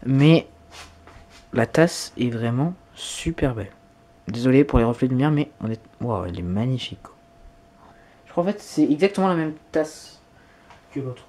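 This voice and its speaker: A man's voice: mid-range voice, animated, moderate pace, pauses often, warm tone. Gushing man unboxing on camera. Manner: enthusiastic, gushing with frequent exclamations. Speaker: YouTuber. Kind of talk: unboxing vlog.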